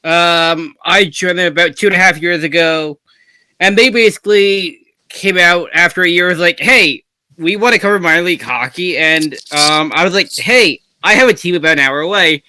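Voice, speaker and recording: A man's voice: high-pitched, normal speed, pushed and bright, clean tone, dry recording. A man, a hockey writer, eagerly telling his story as a podcast interview guest.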